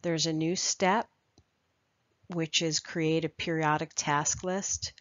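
A woman trainer walking through a screen-recorded software tutorial in a steady, instructional way. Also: sits low, takes it slowly, dry recording, dull audio.

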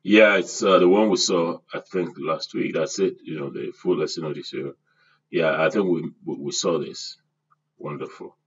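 A man's voice: rumbling low, moderate pace, slightly rough, far from the mic, highs cut off. An older man giving a screen-share lesson, talking straight to his class and asking them to repeat after him. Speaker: online course instructor.

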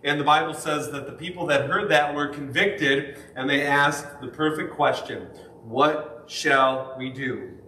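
A man's voice: on the high side, normal speed, few pauses, pushed and bright, distant mic, a little hiss or hum. A man preaching a sermon as pastor in a church, talking in a conversational way with rhetorical questions and stressed words. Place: church sanctuary. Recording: echoey room, speaker off the mic.

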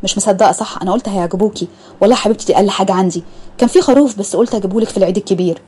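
Woman doing a playful young Egyptian man, joking fiancé, soft low-keyed voice, dark tone, very rapid. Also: husky, lightly acted. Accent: Egyptian Arabic.

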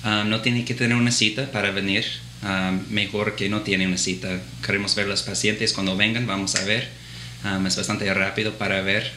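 This native English speaker, a physician assistant in his thirties, gives interview answers in a clinic office using Spanish learned in the Dominican Republic, spoken with an American accent. His lowish voice is flat, pushed, and bright at normal speed, with frequent fillers, hesitations, and restarts. The recording is roomy with slight background noise.

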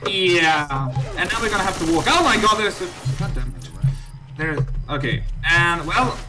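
A man hosting a casual game playthrough, talking excitably, exclaiming and swearing at the action. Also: high voice, moderate pace. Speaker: host. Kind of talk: let's play gaming commentary. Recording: game music loud behind voice.

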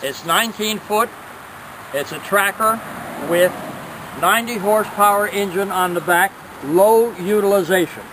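Older man, high-pitched voice, plain and matter-of-fact; taped outdoors on a camera with noisy surroundings. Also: measured pace. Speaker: boat seller. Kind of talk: casual outdoor interview. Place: outdoors in a yard by a road. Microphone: handheld camera nearby. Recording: outdoor noise around a camera mic.

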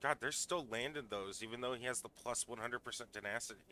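Bright-voiced man cheering his game character. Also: medium pitch, quick pace, slight background noise. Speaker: gaming channel host. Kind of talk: casual gameplay commentary.

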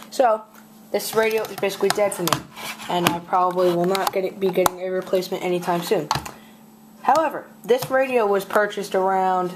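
At a desk in a room at home, a video host casually shows off a collection on a handheld camera, speaking haltingly and often clearing their throat or coughing. The voice sits at a medium pitch. The camera's built-in mic picks up noisy home audio with clicks.

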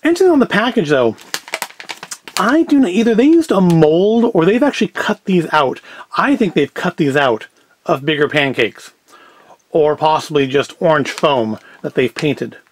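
A man in his forties chats casually to camera through a food review, wry, self-deprecating and rambling. His voice is on the high side and animated, at normal speed.

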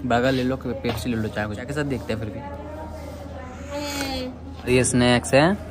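एक युवक अपने रोज़ाना के व्लॉग में बात करता है। वह बातूनी है और दर्शकों को बार-बार भाई कहकर पुकारता है।. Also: male voice, mid-range voice, fairly even intonation, normal speed, music in the background. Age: young adult. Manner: chatty, keeps calling viewers brother. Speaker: vlogger. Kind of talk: casual daily vlog. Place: rooftop outdoors and small home room. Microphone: handheld phone camera at arm's length.

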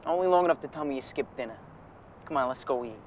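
An actor playing an awkward, insistent young suitor in a TV drama. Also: male voice, mid-range voice, fast talker, close to an everyday voice. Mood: coaxing. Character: persistent, awkward male suitor who won't hear no. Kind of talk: TV drama acting. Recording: slightly distant, faint outdoor street noise.

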